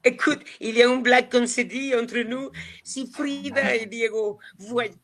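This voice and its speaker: A woman's voice: a little high, steady tone, measured pace, a bit bright. A woman from Mexico, whose first language is Spanish, speaking with a Mexican Spanish accent as a chatty, hesitant guide on a live virtual tour over a video call. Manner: chatty, hesitant, many fillers and restarts.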